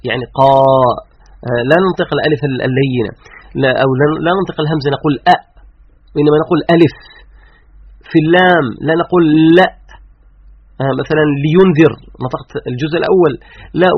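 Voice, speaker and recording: A man explaining the Quran's letters to an interviewer, emphatic, slowing to stress each letter. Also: a little high, breathy edge, dry recording. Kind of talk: explanatory religious lecture. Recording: dull lo-fi radio sound.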